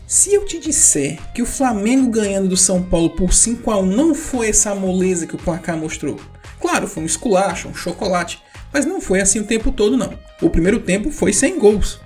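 A man's voice: high voice, big pitch swings, a little fast, a little mellow, soft background music. A man with a Brazilian accent hosting a football round-up in informal scripted narration, emphatic and colloquial, with playful slang.

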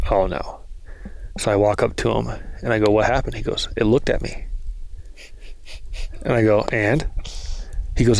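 Low-voiced man telling hunting stories. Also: dry recording. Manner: animated storyteller, acts out quotes. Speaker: guest, bow hunter. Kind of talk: casual storytelling.

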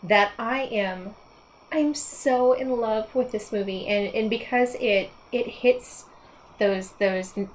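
A woman's voice: on the high side, slow, a little hiss or hum, poor audio. A woman chatting casually on a film panel in an emphatic, casually profane way. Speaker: movie podcast panelist. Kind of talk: casual discussion.

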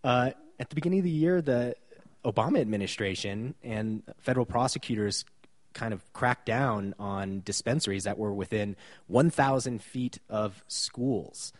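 A man's voice: mid-range voice, moderate pace. A man hosting a casual local news podcast, wry and joking as he recaps the year's stories. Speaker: podcast host.

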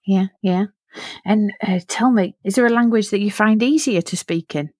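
Interviewing a child on her podcast, a middle-aged woman asks friendly, simple follow-ups, patient and encouraging. Her medium-pitched voice is a little mellow and moves at a moderate pace, in clean studio sound without echo.

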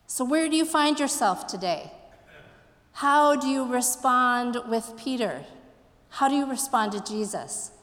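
A woman pastor giving a sermon, slow and reflective, asking her listeners questions. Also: a little high, a bit bright, big-room sound.

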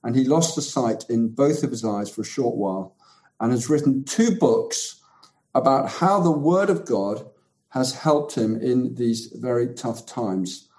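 A man's voice: mid-range voice, measured pace, mellow, low-quality recording. A man hosting an interview podcast, speaking a little hesitantly and repeating his phrases. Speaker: podcast host.

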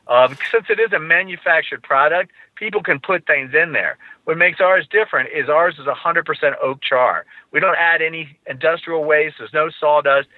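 A man with a fairly high voice explains things at length as a podcast guest, often stumbling over the first words of a sentence before he finds his way. He comes through a narrow, tinny line like a phone call. The sound is dry, with no room around it. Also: dry recording. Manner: explanatory, repeats words when starting sentences. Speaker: charcoal company representative.

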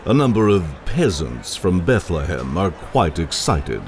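A self-righteous older scribe, played by a man in a radio drama. He talks down to people in a low voice that rises and falls a lot. Faint background hiss. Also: very animated, unhurried, exaggerated voice. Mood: condescending. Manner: condescending, pompous.

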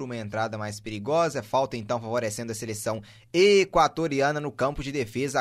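A man's voice: medium pitch, a bit bright. A man with a Brazilian accent giving running play-by-play commentary on a football match.

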